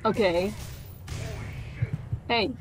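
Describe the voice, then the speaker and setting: A woman streamer talks slowly and casually while she plays a game. She laughs often and yells at enemies now and then. Faint music sits behind her voice. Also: mid-range voice, rough recording. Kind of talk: casual gameplay chat.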